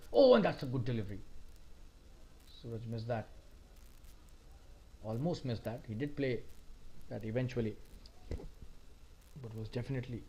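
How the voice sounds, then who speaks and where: A man giving live cricket commentary, excitable and shouting at the big moments. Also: mid-range voice, slight background noise.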